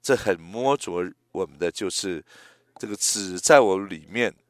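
A man in his eighties preaching a sermon in a gentle, reflective way, often pausing and restarting his phrases. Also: sits low, expressive, dry recording, clean studio sound. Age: 80s.

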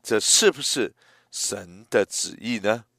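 Slow, gentle older man preaching. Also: lowish voice, lively intonation, creaky, dry recording. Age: 80s. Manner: slow, gentle, reflective, with hesitant restarts. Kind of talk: sermon.

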